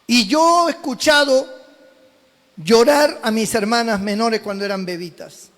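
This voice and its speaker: A pastor from Peru preaching a sermon, telling stories with animated swings from shouts to hushed asides. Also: male voice, extremely high pitch, a little slow. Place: church.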